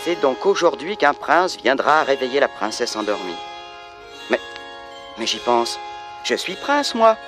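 An actor playing a gallant young prince in a storybook recording, speaking in a courtly, declamatory way. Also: male voice, medium pitch, big pitch swings, measured pace, long pauses. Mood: commanding. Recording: music playing behind. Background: background music.

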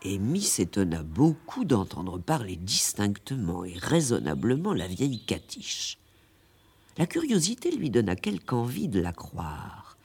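A man narrating a classic tale in a radio drama, with an expressive telling. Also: on the low side, measured pace, vocal fry, slightly rough. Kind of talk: scripted storybook narration.

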